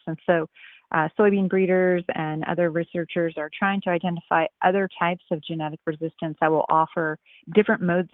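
A woman's voice: sits low, dry recording. Woman speaking over a tinny phone line. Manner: measured explaining with frequent ums and uhs. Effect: heard over the phone. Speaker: nematologist, interview guest. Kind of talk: radio interview answers.

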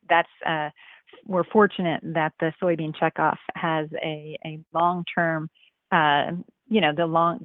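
A woman's voice: low voice, no room sound. A woman researcher answering radio interview questions over the phone, explaining carefully with frequent ums and uhs. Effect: heard over the phone. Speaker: nematologist, interview guest. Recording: tinny phone line.

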